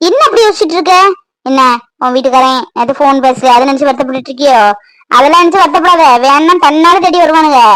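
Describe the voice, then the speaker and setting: Bossy older village mom, a woman putting her on, high voice, dry sound. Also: fast, fairly bright tone, no echo, rough recording. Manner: scolding, bossy questioning. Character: older village mother, blunt and protective.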